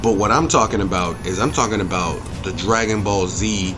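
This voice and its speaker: Loud music plays behind a man's lowish voice as he talks at normal speed. He's a channel host and video game movie reviewer giving an opinionated rant, bluntly and profanely emphatic, with repeated phrases for punch.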